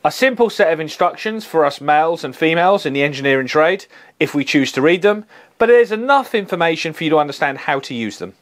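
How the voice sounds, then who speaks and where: A man's voice: fairly high pitch, lively intonation, fast talker, a bit bright. Man giving a practical tool review. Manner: plain-spoken, practical, mildly jokey. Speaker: HVAC engineer reviewing tools. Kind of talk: product review presentation. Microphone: lapel mic.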